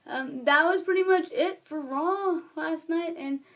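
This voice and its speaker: A woman's voice: very high voice, a little slow, fairly bright tone. A woman reviewing a wrestling show in a casual vlog, rambling and chatty with lots of fillers. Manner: rambling, apologizes for being all over the place.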